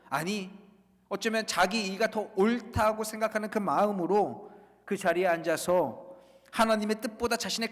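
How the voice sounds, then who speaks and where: A man preaching as pastor in a church, his voice sitting a little high for a man and carrying a long reverb from the large room around him. He swings between loud, urging passages and hushed, almost whispered ones. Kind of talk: sermon.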